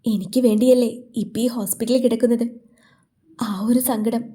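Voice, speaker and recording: A woman voicing a devoted young heroine in a storybook romance, speaking softly and with feeling. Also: fairly high pitch, flat delivery, normal speed, natural voice. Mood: pensive.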